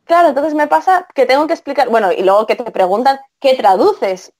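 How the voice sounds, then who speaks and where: A Spanish woman with a Spanish accent chats as a guest translator on a casual podcast, speaking quickly in a high voice. She's animated and acts out the dialogue she quotes.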